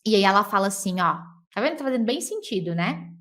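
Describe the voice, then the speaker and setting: Woman, Brazilian Portuguese accent, English teacher, casual lesson talk, slows to spell out sounds, frequent check-in tags. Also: mid-range voice, lively intonation, a bit bright. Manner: chatty, tags lines with "tá?", slows to model words. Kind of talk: explaining English vocabulary and pronunciation.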